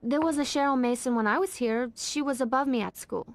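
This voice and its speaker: A woman's voice: high voice, brisk, no room sound. A wry, bold young woman. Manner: wry, teasing and sardonic. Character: sardonic young woman, bold, playful rule-breaker. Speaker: former student guiding a stranger. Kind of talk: video game voice acting.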